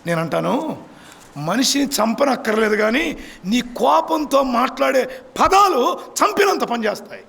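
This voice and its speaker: A man's voice: extremely high pitch, lively intonation, a little slow, gravelly, sharp tone, slightly rough. A man preaching, emphatic and constantly questioning his congregation. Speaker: pastor. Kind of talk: sermon. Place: church.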